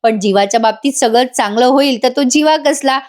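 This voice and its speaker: A woman recaps a TV serial episode in a voice-over, chatting directly to her viewers in a high voice. Her delivery is friendly and conversational, like telling gossip. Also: brisk, darkish tone. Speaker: TV serial reviewer.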